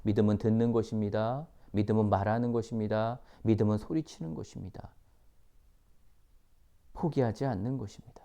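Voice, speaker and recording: A man preaching a sermon, reading scripture and explaining it in slow, emphatic, repeated phrases, sometimes dropping to a whisper. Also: lowish voice, creaky, warm tone. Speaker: missionary preacher.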